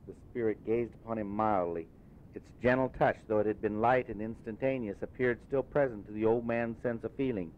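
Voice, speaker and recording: Narrating a literary story for an audiobook, a man delivers his lines in careful, deliberate phrases. The recording sounds muffled, as if over a phone, and carries a low rumble.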